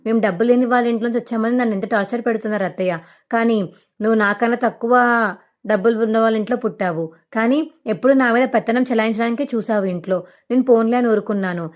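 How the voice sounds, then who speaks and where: A woman's voice: fairly high pitch, rapid-fire, a little mellow, lightly acted. A woman telling a TV serial's story, voicing an outraged young wife who accuses her co-sister of lies. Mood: accusing. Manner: fiery, accusing.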